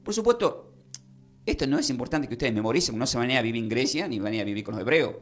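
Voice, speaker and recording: A man's voice: mid-range voice, animated, rapid-fire. A man preaching a Bible-study sermon, explaining verses and having his listeners repeat his phrases. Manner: teaching, asking the congregation to repeat phrases. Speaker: pastor.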